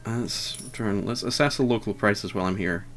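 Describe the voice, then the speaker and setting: Rambling low-voiced man playing a game. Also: fairly quick, fairly bright tone, a little hiss or hum. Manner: rambling, hesitant, lots of fillers; self-deprecating and wry. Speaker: let's player. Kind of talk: casual gameplay commentary.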